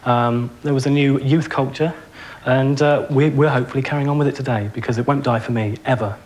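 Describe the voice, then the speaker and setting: A man's voice: mid-range voice, fairly even intonation, brisk, a little mellow. A young man talking earnestly as a studio guest, explaining his enthusiasm in short listed phrases. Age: young adult.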